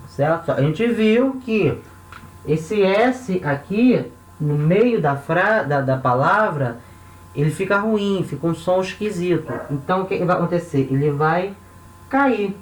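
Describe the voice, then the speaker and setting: A man with a Brazilian accent teaching a recorded online lesson, patiently repeating words slowly and checking in with short questions. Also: sits high, animated. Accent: Brazilian Portuguese, Rio de Janeiro. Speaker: language teacher. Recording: echoey room.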